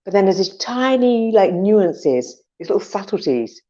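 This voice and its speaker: A woman's voice: medium pitch, sing-song, unhurried, mellow, lo-fi sound. A woman co-hosting a casual podcast chat, talking animatedly and acting out her inner voices, with some swearing. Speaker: podcast co-host.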